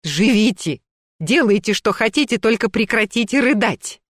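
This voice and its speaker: A woman's voice: on the high side, lively intonation, normal speed, no echo, clean studio sound, pitched above the performer's own voice. A woman narrating an audiobook, voicing a stern, commanding old woman who runs a museum. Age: older. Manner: commanding, lecturing, firm.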